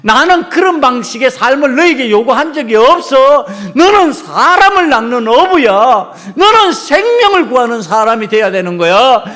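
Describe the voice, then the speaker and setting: A preacher acting out Jesus, loud and insistent. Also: male voice, very high-pitched, big pitch swings, moderate pace, few pauses, in a large hall, voice pushed up, heavily acted. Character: Jesus as a stern urging male teacher.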